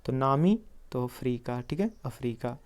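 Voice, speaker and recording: A man's voice: mid-range voice, expressive, measured pace, a little mellow, clean tone. A man teaching an exam-prep lesson on video, explaining memory tricks and answering his own quiz questions as he addresses viewers as friends. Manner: asks quiz questions and answers them himself.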